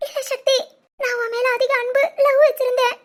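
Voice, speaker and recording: A very high, squeaky cartoon voice for a loving young wife, tender and quick to tears, as a voice actress plays her. She talks in sobbing, clinging pleas, close and intimate. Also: flat delivery, fairly bright tone, a little hiss or hum. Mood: tearful, grateful. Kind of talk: cartoon voice acting.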